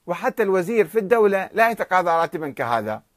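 Old male cleric, furious and defiant, raised high shouting voice, put on by a male narrator. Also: big pitch swings, quick pace, no echo, studio quality. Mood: indignant.

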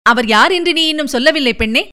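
High and sharp in tone, a woman's voice carries the role of a composed princess in an audiobook reading. She keeps it dignified, firm, and measured.

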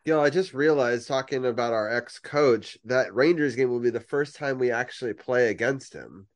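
A man's voice: mid-range voice, moderate pace. A man hosting a casual sports podcast, rambling with many fillers as he steers the talk. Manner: rambling, lots of "you know".

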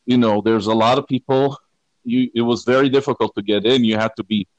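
This Israeli guitarist speaks briskly at a medium pitch as an interview guest, easygoing and prone to wandering off topic while poking fun at himself with dry humor. The recording is dry and sounds dull.

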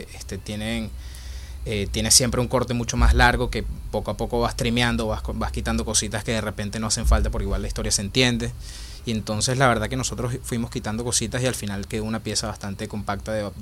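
A man's voice: fairly low pitch, slight background noise. A young Venezuelan man with a Venezuelan accent, answering interview questions about his short film, thoughtful and full of hesitations. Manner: thoughtful, many fillers and restarts. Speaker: filmmaker and actor.

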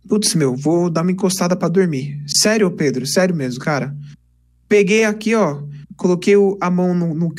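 A young man, casually telling lively stories on a podcast. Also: high-pitched. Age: 20s. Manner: animated, chatty, peppers speech with "cara". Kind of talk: casual storytelling chat.

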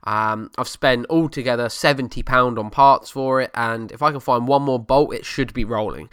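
A man from Essex speaks in a strong-edged, bright voice with an Essex accent. He chats casually as a podcast host answering questions. The sound is clean and dry, close with little room on it. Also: mid-range voice, normal speed, clear, resonant tone, no room sound. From Essex, England. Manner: drops letters, over-pronounces some words.

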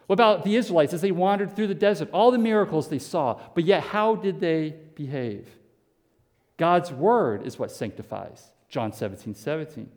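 A man's voice: a little high, darkish tone, long reverb tail. A male pastor preaching a sermon, asking rhetorical questions and repeating words as he restarts. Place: church sanctuary.

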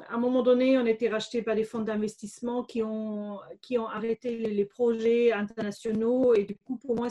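German-accented woman, hesitant, mellow voice. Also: fairly high pitch. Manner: hesitant, frequent fillers. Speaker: guest. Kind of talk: interview testimony.

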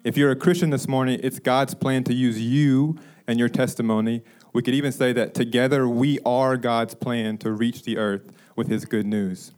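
A man's voice: medium pitch, steady tone, a little mellow. Man preaching an emphatic sermon. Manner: storytelling, emphatic, slows down to stress key phrases. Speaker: preacher, ministry director.

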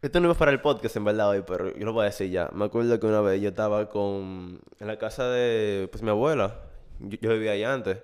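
A man's voice: lowish voice, quick pace, clear, resonant tone. A man hosting a podcast, telling funny stories in casual chat and laughing often. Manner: animated, laughing storyteller. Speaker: podcast host.

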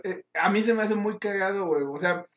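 A Mexican man with a slightly high voice argues his point in slang-filled talk. He sounds roomy and echoey, with a faint noise floor. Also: fairly quick, fairly bright tone. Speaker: co-host. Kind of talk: casual slangy banter.

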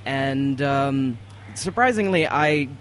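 A man from the Emirates with an untypical Emirati accent, chatting casually as a podcast guest and telling stories in a halting, excitable way with repeated phrases. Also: medium pitch, a little hiss or hum. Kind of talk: casual interview storytelling.

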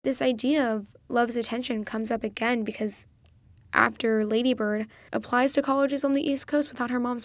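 Young woman host, slightly high voice, dry close sound, earnest and enthusiastic as she walks through film scenes. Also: dry recording. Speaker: podcast host. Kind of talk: solo film review podcast.

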